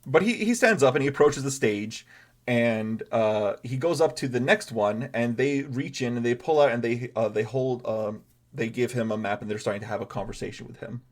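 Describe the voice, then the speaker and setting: A man's voice: mid-range voice, moderate pace. A man narrating as game master of a tabletop game, chatty and rambling, with many fillers and restarts.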